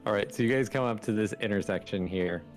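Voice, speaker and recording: A young man running a tabletop game as game master, narrating in a relaxed, halting way with many pauses and fillers. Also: on the low side, faint music behind.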